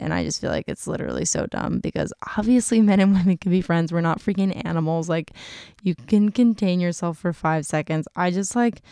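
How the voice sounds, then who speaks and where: In clean, dry studio sound, a young woman talks on her YouTube channel with a lowish, creaky, mellow voice. She's chatty and giggly, peppering her casual chat with filler "like."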